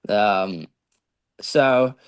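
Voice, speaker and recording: A man's voice: on the low side, drawn-out words, clear, resonant tone. A man co-hosting a TV recap podcast, recounting plot points in loose, casual talk with some swearing. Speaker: podcast co-host. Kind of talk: casual chat.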